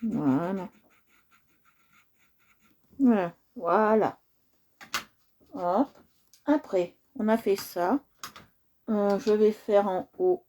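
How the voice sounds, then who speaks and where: A woman's voice: medium pitch, drawn-out words, pauses often, dark tone, a little hiss or hum. A woman hosting a coloring livestream, chatting casually with her viewers and often repeating herself as she checks in with them.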